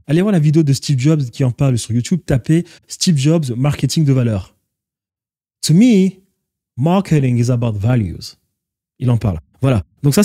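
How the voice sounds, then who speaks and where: A man's voice: mid-range voice, warm tone, no echo, studio quality. A man coaching viewers on online sales, talking emphatically and asking rhetorical questions straight at them. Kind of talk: instructional talk to camera.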